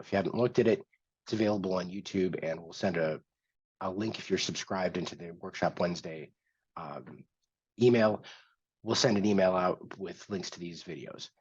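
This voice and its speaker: A man with a fairly low, husky voice hosts an instructional screen-share workshop, explaining step by step in a conversational way with some restarts. The recording has a dull lo-fi sound.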